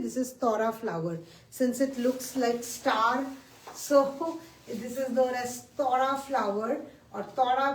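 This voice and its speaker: Slow, enthusiastic woman selling sarees. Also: sits high, distant mic. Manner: enthusiastic, mixes English and Hindi, repeats key points. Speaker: saree seller on a live stream. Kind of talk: live sales presentation. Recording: echoey room, voice from off-mic, faint room noise.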